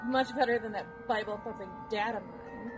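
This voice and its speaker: A woman's voice: a little high, moderate pace, music in the background, close to an everyday voice. A woman playing a rebellious young preacher's daughter who ran off with a carnival, talking in a sassy, mocking way. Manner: sassy, mocking toward her strict father.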